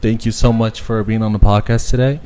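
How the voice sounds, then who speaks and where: A man's voice: fairly low pitch, little pitch movement, fairly quick, darkish tone. A man from Brazil hosting a casual interview, laid-back and full of fillers. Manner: laid-back, lots of yeahs and likes. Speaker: podcast host.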